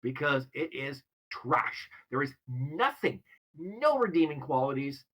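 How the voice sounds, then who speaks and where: A podcast co-host speaking bluntly and with emphasis, with a pitch that swings up and down a lot. The pitch sits in the middle range. The chat is casual and full of strong opinions. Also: big pitch swings, unhurried, a bit bright, breathy edge.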